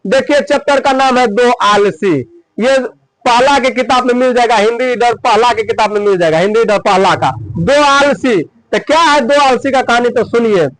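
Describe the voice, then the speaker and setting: A man's voice: very high-pitched, moderate pace, no room sound, rough recording. A man telling and explaining a textbook story, asking and answering his own questions again and again.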